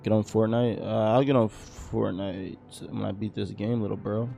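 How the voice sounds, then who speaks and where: A man streaming a video game, reacting loudly in casual slangy commentary. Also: on the low side, fairly even intonation, normal speed, gravelly, soft background music.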